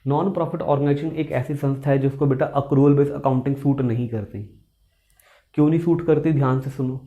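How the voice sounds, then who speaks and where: A man with a medium-pitched, dark voice teaches accountancy at normal speed and with a steady tone, in classroom lecture style. His method is to ask questions and repeat key points, and he mixes Hindi with English terms, calling students "beta."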